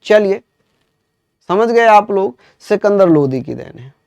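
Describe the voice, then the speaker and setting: A man with a high, gravelly, slightly mellow voice gives an online history lecture for exam students, speaking slowly but with lively intonation. He drills facts by posing questions and answering them himself, adding chatty asides, and there's no echo.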